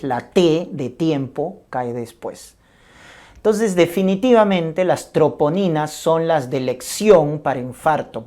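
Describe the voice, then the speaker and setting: A woman with a low, mellow voice teaches a medical class. She walks through each point slowly and repeats it. She keeps checking in with her listeners. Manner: didactic, repeats key points with frequent checks like "¿ya?". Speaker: medical lecturer. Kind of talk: medical lecture on ECG and cardiac markers.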